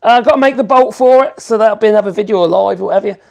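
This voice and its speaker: On a relaxed woodworking livestream, a talkative man in his fifties hops from topic to topic, speaking very fast. His voice is unusually high for a man, with a rough, gravelly crackle, and it turns cooing and sing-song whenever he addresses his puppy.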